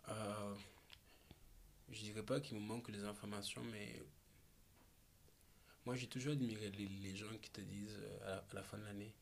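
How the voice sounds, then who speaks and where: A man from Malawi talking slowly and thoughtfully as a podcast guest, with searching pauses and restarts. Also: fairly low pitch, level tone, gravelly, slight background noise. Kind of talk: reflective conversation.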